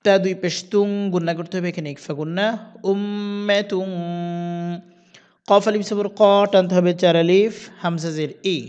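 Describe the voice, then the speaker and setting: A man teaching Quran recitation, spelling out letters and vowel marks one by one and then chanting the verses slowly. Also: high voice, fairly even intonation, a little mellow. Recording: dull lo-fi sound.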